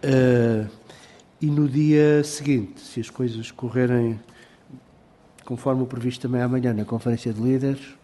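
A man with a European Portuguese accent chairs a formal meeting, speaking in halting, formal phrases full of filler sounds and restarts. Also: mid-range voice, fairly even intonation, mellow.

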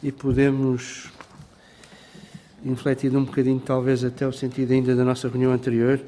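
A man with a European Portuguese accent chairs a formal meeting, speaking in halting, formal phrases full of filler sounds and restarts. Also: mid-range voice, completely flat delivery, mellow, slight background noise.

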